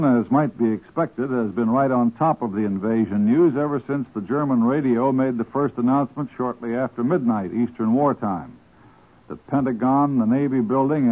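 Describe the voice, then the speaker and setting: A man giving a formal, steady wartime news report as a correspondent, heard through an old 1940s radio broadcast. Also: mid-range voice, phone-quality sound.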